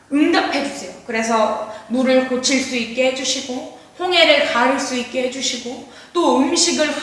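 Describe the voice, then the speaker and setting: A woman telling a Bible story to children in a high, bright voice, acting out the characters as she goes. She sounds far from the mic in a very echoey room. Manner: animated, acts out quoted voices, laughing asides. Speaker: children's worship teacher.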